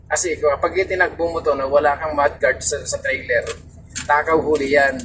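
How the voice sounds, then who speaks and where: A man's voice: on the high side, steady tone, moderate pace, fairly bright tone. Man, truck driver, casual vlog advice, rambling with fillers, distant mic, noisy background. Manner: rambling, many fillers, retells dialogue.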